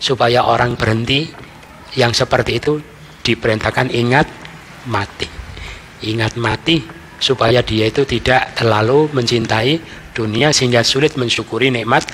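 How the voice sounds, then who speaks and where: A man's voice: mid-range voice, a bit bright. A man leads a mosque study session. His tone is easy and conversational, and he keeps asking questions and then answering them himself. His voice carries through a large hall with long reverb and a faint hiss behind it. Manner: conversational, asks and answers his own questions, frequent "gitu ya". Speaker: Islamic teacher giving Quran commentary.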